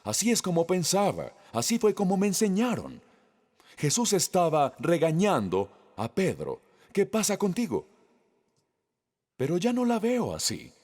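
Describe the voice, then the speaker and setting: A man preaching a sermon, slowly and emphatically, putting questions to the congregation. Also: on the high side, wildly swooping pitch, a little mellow, long reverb tail. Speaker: pastor.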